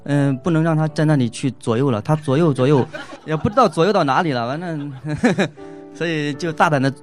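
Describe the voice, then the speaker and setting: A man's voice: on the high side, soft background music. A man giving a casual spoken testimony about his marriage as a husband. He hesitates, restarts and fills gaps as he talks, and he laughs often. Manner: halting, full of fillers and restarts, laughs often.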